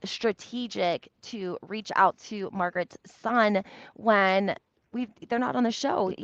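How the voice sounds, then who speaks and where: A woman with a gravelly, slightly bright mid-range voice gives casual, opinionated commentary on reality TV. She talks conversationally and emphatically, using rhetorical questions and repetition. The recording has a roomy echo and a slightly dull, lo-fi sound.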